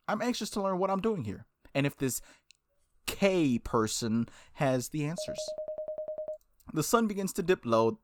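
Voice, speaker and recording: A let's play streamer with a mid-range voice reads a visual novel aloud, cracking casual jokes and stumbling over words. Music plays behind the voice, and there's background noise too.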